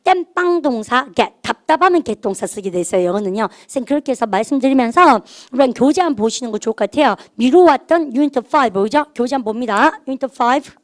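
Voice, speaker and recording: Brisk woman drilling English grammar. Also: high-pitched, lively intonation, no room sound. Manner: drills students with call-and-response prompts. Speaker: English teacher. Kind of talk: recorded grammar lecture.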